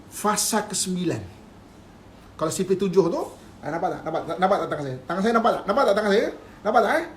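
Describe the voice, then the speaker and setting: A Malaysian Malay-accented religious teacher gives a live-streamed lecture in a high, lively voice, speaking fast over a faint hiss or hum. He's playful, often chuckles, and keeps checking whether his listeners are following.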